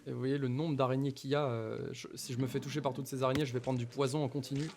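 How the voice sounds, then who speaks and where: A man's voice: mid-range voice, level tone, fast, noisy background. A man giving casual commentary on his Minecraft playthrough, talking to the mobs and to viewers, repeating nervous exclamations in tense moments. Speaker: gaming YouTuber.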